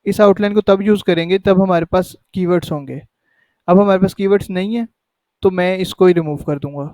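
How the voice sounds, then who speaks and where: A man's voice: high voice, fairly quick, darkish tone, no room sound. A man hosting a casual step-by-step tutorial, talking conversationally and often checking in with the listener. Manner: conversational, repeats "ठीक है" to check in. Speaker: tutorial host. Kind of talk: casual screen-recorded tutorial.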